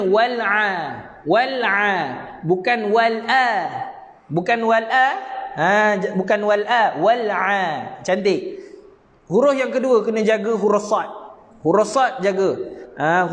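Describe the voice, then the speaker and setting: High-voiced Malaysian Quran teacher, echoing hall. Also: male voice. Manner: repetitive, earnest drilling with chanted recitation examples. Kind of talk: online Quran reading lesson.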